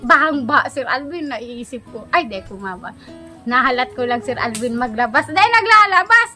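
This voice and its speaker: Woman, interviewee, high voice, animated storyteller who laughs a lot; music bed underneath. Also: moderate pace. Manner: animated, laughs often, keeps addressing the host. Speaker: interviewee telling a personal story. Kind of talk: casual storytelling chat.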